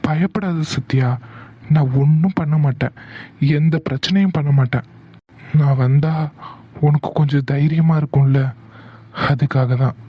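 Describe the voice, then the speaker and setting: A man voicing a hot-headed young man in a cartoon, insistent and quick to anger, then soothing his sweetheart. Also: a little high, breathy edge, no room sound, lo-fi sound. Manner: insistent, shifts from angry to soothing. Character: hot-tempered young man in love, teasing. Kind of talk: cartoon voice acting.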